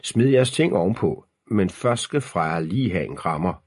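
A brusque middle-aged farmer from a storybook, teasing and coarse, with a low husky voice, as a male narrator plays him. He talks in a rough, no-nonsense way. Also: lively intonation, a little mellow, no room sound, clean studio sound. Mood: explaining. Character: gruff middle-aged pig farmer and hunter uncle.

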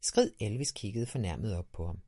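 A man narrating a children's audiobook in an animated storytelling manner. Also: on the low side, breathy edge.

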